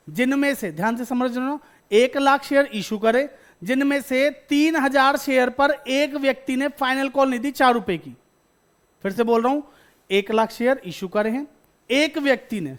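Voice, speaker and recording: A man teaching a class, who keeps asking his students questions, answers them himself, and calls them "beta". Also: extremely high pitch. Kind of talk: classroom lecture.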